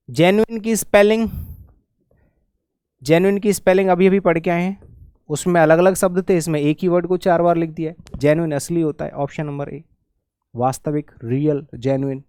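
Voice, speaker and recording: A man teaching an exam spelling lesson, spelling out words letter by letter and repeating them slowly. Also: on the high side, darkish tone, no echo, studio quality. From India. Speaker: English teacher.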